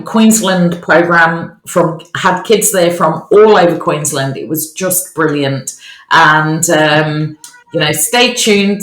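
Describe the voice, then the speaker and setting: Upbeat Australian woman in an echoey bare room. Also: sits low. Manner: upbeat, chatty, cheerful. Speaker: podcast co-host. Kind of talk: casual chat. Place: new, bare office with nothing on the walls. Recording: echoey bare-walled office.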